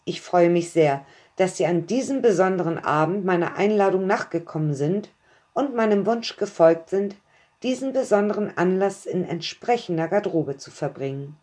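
A woman's voice: lowish voice, lively intonation, normal speed, a little mellow, natural voice. A woman voicing a formal male host who welcomes his guests in an announcing manner. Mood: ceremonious. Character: formal male host of a lavish evening gathering.

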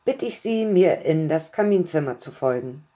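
A woman's voice: low voice, animated, moderate pace, warm tone. Woman doing a formal male party host. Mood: ceremonious. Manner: formal, welcoming, announcing. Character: formal male host of a lavish evening gathering.

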